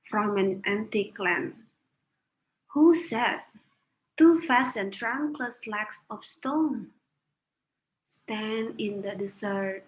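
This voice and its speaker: A woman's voice: medium pitch, a bit bright, a little hiss or hum, low-quality recording. Indonesian woman lecturer, casual and chatty. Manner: casual teaching talk with fillers, mixing English terms. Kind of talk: recorded online lecture.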